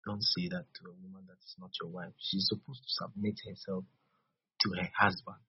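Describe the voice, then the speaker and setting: A man preaches in a low, very husky voice with a West African accent. He teaches step by step, repeating his phrases and checking that listeners follow. The recording is dull and dry. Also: level tone, a little fast, dry recording. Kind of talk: sermon.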